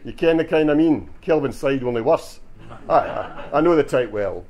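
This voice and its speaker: A man's voice: mid-range voice, lively intonation, moderate pace, a little mellow, close to an everyday voice. A man voicing a stocky, cheeky retired Glaswegian man with a broad dialect, telling a boastful story at a bookshop reading. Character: cheeky stocky older Glasgow man, joker. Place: bookshop event.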